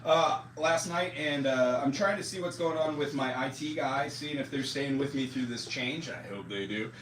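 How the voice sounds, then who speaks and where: Speaking at normal speed in a mid-range, fairly bright voice, a man in his forties teaches music on a live stream in a loose, joking-at-his-own-expense way full of fillers. The room echoes, the mic is far off, music runs underneath, and there's slight background noise.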